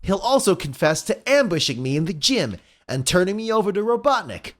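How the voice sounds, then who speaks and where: A young hedgehog hero played by a man, cocky and full of taunts. The voice sits high and bounces around in pitch, in the manner of a comic-book read-aloud. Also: very animated, fairly quick.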